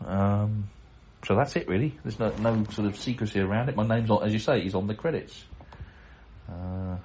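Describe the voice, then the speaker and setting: Chatty man with a low voice. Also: normal speed, a little mellow, a little hiss or hum. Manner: chatty, chuckling, self-deprecating asides. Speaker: podcast host reading listener mail. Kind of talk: casual chat and letter reading.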